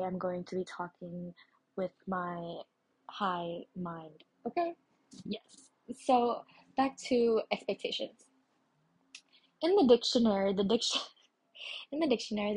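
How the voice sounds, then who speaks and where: A woman hosting a casual solo podcast, sounding stoned and scattered, with a husky, slightly breathy voice. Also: mid-range voice, darkish tone. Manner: stoned, giggly and scattered, losing her thread. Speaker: podcast host.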